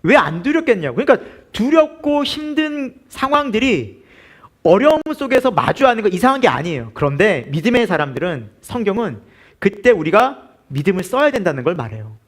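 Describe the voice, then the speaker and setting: A man's voice: high-pitched, very animated, brisk. A male pastor preaching a midweek sermon, asking the congregation questions and answering them himself. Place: church.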